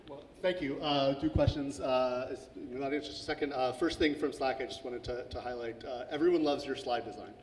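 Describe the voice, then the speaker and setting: A man's voice: mid-range voice, fairly quick, few pauses. A man moderating a conference Q&A, reading out questions casually with many fillers. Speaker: session moderator. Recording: reverberant hall, faint background noise.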